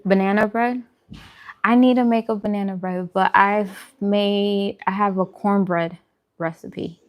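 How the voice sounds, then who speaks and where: In a steady, medium-pitched voice that runs a little slow, an adult woman who is a parent talks informally with her live-stream viewers. She is a food vlogger and live streamer, answering comments as she goes.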